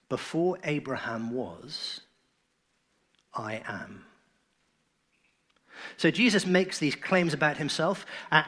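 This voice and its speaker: A man preaching a sermon in an earnest, emphatic way, his phrases often trailing off softly. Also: a little high.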